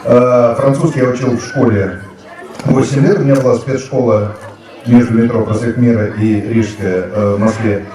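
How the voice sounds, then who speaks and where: This guest speaker, an actor in his fifties, addresses a school audience in a big hall full of students, wandering through anecdotes with lots of fillers in a relaxed way. His voice is medium in pitch, warm and steady, at a moderate pace. It's picked up by a distant mic in an echoing hall.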